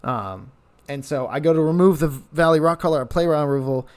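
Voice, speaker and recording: A man's voice: a little high, brisk, clean tone. A young man casually recounting a tournament match, rambling and correcting himself as he tells it. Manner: rambling, self-correcting, animated retelling. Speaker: card game content creator. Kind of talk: casual storytelling recap.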